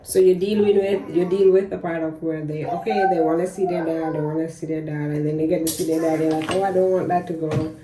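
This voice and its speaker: A woman's voice: low voice, flat delivery, fairly quick, hardly any pauses. A woman in her thirties, a mom vlogging her family weekend in a chatty, casual way. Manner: chatty, coos and baby-talks to her daughters. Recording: noisy phone recording.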